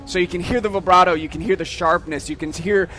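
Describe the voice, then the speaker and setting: A man giving a casual, step-by-step software demo at a trade show, often checking in with "okay?". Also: high-pitched, steady tone, fast talker, faint music behind. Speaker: software demonstrator.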